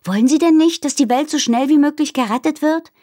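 A woman's voice: high voice, brisk, dark tone, no room sound, voice pushed up, lightly acted. A woman reading aloud voices a young girl with a dry, sarcastic way of talking.

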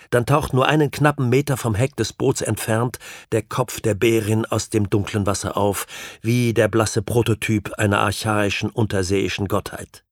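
A man reading a novel aloud as an audiobook narrator, in measured, even storytelling. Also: fairly low pitch, no room sound, studio quality. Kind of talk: scripted literary narration.

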